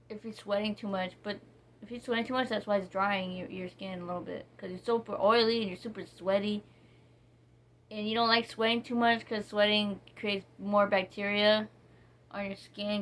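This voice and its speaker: A woman's voice: medium pitch, fairly bright tone. Rambling woman reviewing soap. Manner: rambling, reading ingredients slowly, with many fillers and restarts. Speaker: vlogger reviewing soaps. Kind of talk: casual product review chat.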